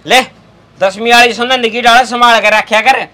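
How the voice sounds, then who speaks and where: High, sharp-voiced, scolding Haryanvi bus conductor played by a man. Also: fairly even intonation, normal speed. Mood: mocking, irritated. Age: young adult. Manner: scolding, sarcastic, mocking. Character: brash, insulting young male bus conductor. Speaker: comic actor. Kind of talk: comedy sketch acting. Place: inside a parked bus.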